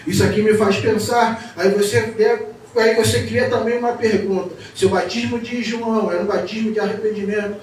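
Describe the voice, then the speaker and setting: A Brazilian Portuguese-accented man preaches a fervent Pentecostal sermon from the altar, his unusually high voice climbing into shouted cries of praise. His voice rings through a very echoey church, caught from some distance away with a faint hiss underneath. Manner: impassioned, building to shouted exclamations of praise.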